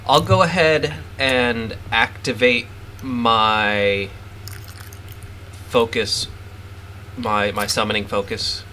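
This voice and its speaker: A man playing a tabletop game, expressive and prone to exclaiming. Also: mid-range voice, slow pace, pauses often, a little hiss or hum. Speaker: player.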